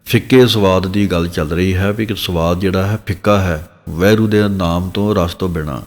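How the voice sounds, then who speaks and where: Punjabi man teaching scripture, slow recitation. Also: sits low, fairly even intonation. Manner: slow, drawn-out recitation of verses between explanations. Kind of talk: scripture pronunciation lesson. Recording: long hall reverb.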